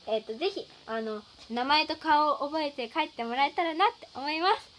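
A teenage girl hosting a casual live stream, her voice high and bright as she chats playfully and calls out names. A faint hiss sits under the recording. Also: lively intonation, brisk. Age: teens. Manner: chatty, reads out fan names, playful. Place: indoors at home.

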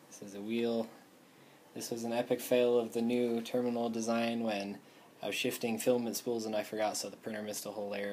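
A man's voice: fairly low pitch, a little hiss or hum. A young man in his garage, casually walking through his projects and explaining each piece as he goes. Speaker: hobbyist vlogger. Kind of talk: casual show-and-tell. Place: home garage, indoors. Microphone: handheld camera.

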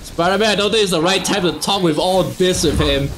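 A man with a high voice talks a little fast as he delivers gameplay commentary for his videos, joking and swearing casually with mock exasperation. Video game music plays in the background.

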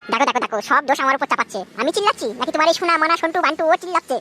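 A woman's voice: high voice, animated, very fast, sharp tone, a little hiss or hum. A woman voicing a sulky, bratty grown son in a cartoon, whining and complaining about his family. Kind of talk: comic Bengali cartoon voice acting.

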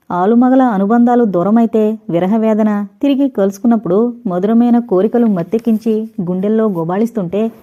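Teasing young married man, read by a woman, chatty, mock-innocent, mellow tone, dull lo-fi audio, audio novel. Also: medium pitch, close to an everyday voice.

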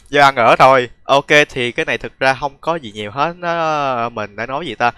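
A man's voice: medium pitch, big pitch swings, a little slow, bright, forceful tone, smooth, no room sound. A young man, laughing often and poking fun at himself while reacting to his old gaming videos. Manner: laughs often, self-mocking and chatty. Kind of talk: casual reaction commentary.

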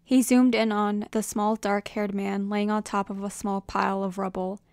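A woman narrates a story aloud with a smooth, clean voice. Her delivery is measured and expressive, recorded dry and close. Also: medium pitch, no room sound. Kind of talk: fan fiction audiobook reading.

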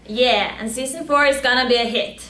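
A woman's voice: fairly high pitch, a little fast, sharp tone, roomy sound, slight background noise. A young adult woman presenting a school news show as anchor, upbeat and chatty.

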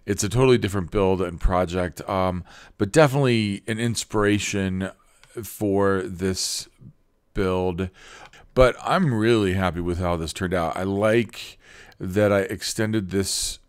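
A man hosting a city-building game channel, explaining his build in a relaxed, casual commentary with frequent fillers. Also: low-pitched, measured pace, smooth, no room sound, studio quality. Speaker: video game channel host.

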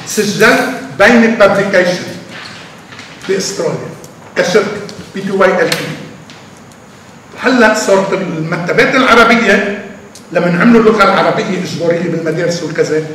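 An older man speaks, in a fairly high voice for a man. He answers as a poet in an emphatic storytelling way. The sound is recorded from far off in a big echoing hall. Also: a bit bright. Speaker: poet being interviewed. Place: large echoey hall. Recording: echoey hall from far off, faint noise.

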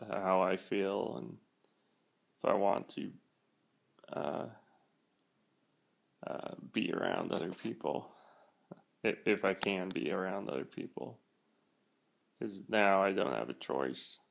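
A young man vlogging casually while feeling sick, speaking in a halting, hesitant way that trails off. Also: low voice, vocal fry. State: feeling sick, achy and nauseous. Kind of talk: casual vlog talk.

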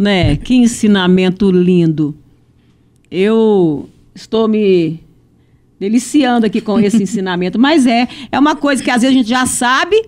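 A Brazilian woman moderates a church podcast with a fairly high voice. She affirms what her guests say and keeps tagging her lines with "né?". Her tone is conversational and encouraging. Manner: affirming, warmly interjecting "né?".

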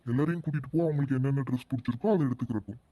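A man voicing an easygoing, indulgent village father in a cartoon, calm and reassuring. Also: mid-range voice, very fast, no room sound, close to an everyday voice. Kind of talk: animated cartoon voice acting.

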